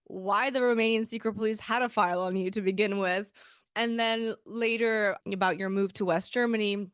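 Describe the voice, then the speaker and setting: A woman's voice: mid-range voice, fairly even intonation, normal speed, smooth, no echo, studio quality. Polished woman podcast host. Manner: polished and formal, then conversational. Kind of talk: scripted intro and interview questions.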